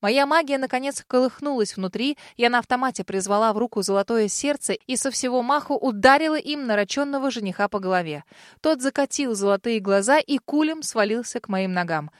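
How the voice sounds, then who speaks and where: A woman narrates a fantasy audiobook in the first person, her voice a bit high and the sound dry and close. She reads expressively and bursts into anger in the heroine's lines. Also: lively intonation, a little fast, dry recording.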